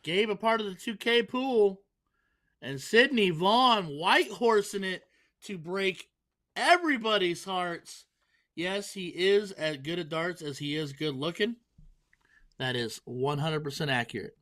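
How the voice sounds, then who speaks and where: A man with a high-pitched, sharp-toned voice commentates a darts tournament at an unhurried pace. His live commentary is joking and playful, full of self-mocking banter.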